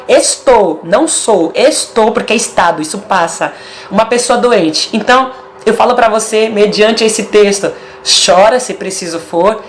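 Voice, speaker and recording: A woman's voice: on the high side, a little hiss or hum. A woman with a Brazilian Portuguese accent giving a casual video sermon, emphatic and stacking short repeated phrases.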